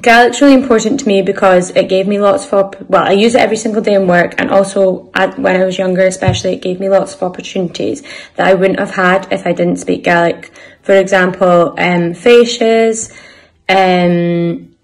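A young Scottish woman gives an informal talk to camera in her kitchen. Her voice sits at an average pitch. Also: steady tone, moderate pace. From Aberdeen, Scotland. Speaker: primary school teacher. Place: home kitchen.

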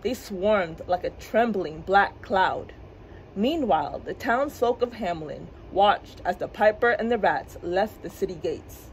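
A woman storyteller for children's story time, expressive and clear, with a mid-range voice and a faint hum behind her. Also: medium pitch, a little slow, low-quality recording. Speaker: librarian storyteller. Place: public library.

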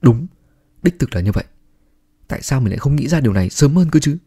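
A man's voice: mid-range voice, sing-song, quick pace, warm tone, breathy edge, pitched above the performer's own voice. A man voicing a wise old village elder in a horror storybook, agitated and trembling.

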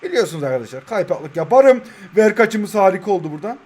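A man's voice: sits high, big pitch swings, quick pace, darkish tone. A young man in his twenties commenting on his own football video game matches, joking, cheering his goals and talking to his players and viewers. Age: 20s. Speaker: mobile football game YouTuber. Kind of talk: excited gameplay commentary.

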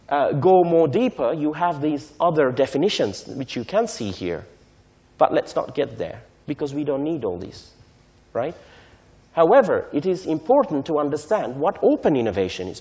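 This man's voice is warm and mid-range. Originally from Sri Lanka and in his thirties, he delivers a conference talk through a podium microphone in a large hall, emphasizing key words and often tagging on "right?"

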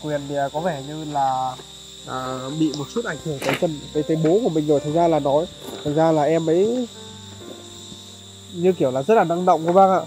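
Man hosting a village charity vlog outdoors, courteous and chatty, soft music underneath. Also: a little high, brisk, rough recording. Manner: polite, addresses viewers often, many fillers. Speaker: charity vlogger. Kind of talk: vlog narration and chat on location.

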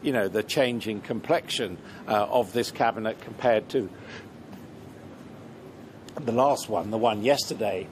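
A man's voice: fairly low pitch, a little slow, pauses often, a little hiss or hum. An older man giving live political analysis as a correspondent, outdoors. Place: outdoors on a city street.

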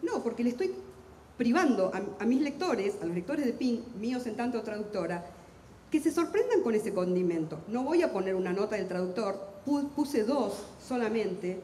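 A middle-aged Argentine woman speaks in a rather high but mellow voice, rushing through her thoughts with intensity and wry humor. She is a translator addressing a book fair audience. The sound rings around a large hall with a long, echoing tail. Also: lively intonation, slight background noise. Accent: Argentine Spanish. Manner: talks fast and intensely, self-deprecating humor. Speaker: literary translator on a panel. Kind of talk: lively public talk at a book fair. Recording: echoey hall with long reverb.

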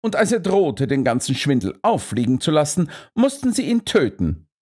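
Man doing a calm Victorian detective, ironic, precise, high lively reading voice. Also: moderate pace, husky. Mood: coolly accusing. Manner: polite, ironic, coolly precise. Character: shrewd male Victorian detective, calm and cutting. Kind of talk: audiobook character reading.

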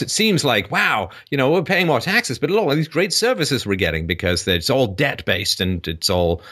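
Male call-in host, low but forceful and sharp, lecturing with sarcastic asides. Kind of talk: explanatory monologue to a caller.

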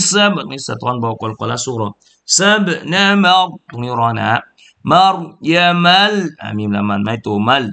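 A man teaching Quran recitation, chanting verses very slowly and then explaining pronunciation sound by sound in a relaxed, lower voice. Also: vocal fry. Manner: says polite particles often and repeats sounds to demonstrate.

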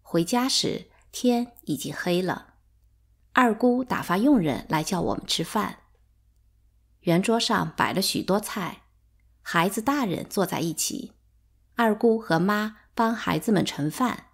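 A woman narrating a novel as an audiobook reader, in measured, expressive storytelling. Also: medium pitch, gravelly.

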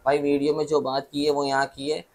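A man with a Pakistani Urdu accent, pitching phones from his mobile shop, listing specs and prices and checking "okay?" as he goes. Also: completely flat delivery, a little mellow. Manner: brisk, lists specs, repeats "okay?" to check understanding. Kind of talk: sales pitch to camera.

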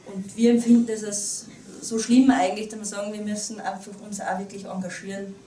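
Upper austrian lady giving a talk, warm tone, echoey room, faint hiss. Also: medium pitch, level tone, fairly quick. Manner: earnest, with many restarts and fillers. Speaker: guest speaker. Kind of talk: public talk. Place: small meeting room. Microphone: far camera. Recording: roomy, distant camera audio.

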